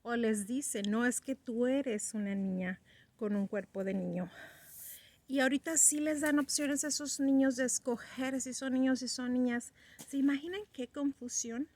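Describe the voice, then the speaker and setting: A woman's voice: high-pitched, moderate pace, darkish tone, no echo. A woman in her fifties giving an earnest personal religious testimony, acting out remembered conversations as she tells them. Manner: earnest, acts out remembered dialogue.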